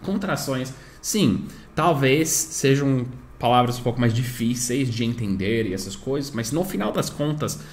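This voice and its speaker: A native English-speaking man teaches grammar to learners in Portuguese, explaining patiently and modeling pronunciation slowly. His voice is medium-pitched and expressive.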